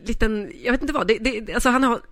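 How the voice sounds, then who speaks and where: A podcast co-host in casual chat, telling stories in an animated, rambling way full of fillers. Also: medium pitch, no room sound, studio quality.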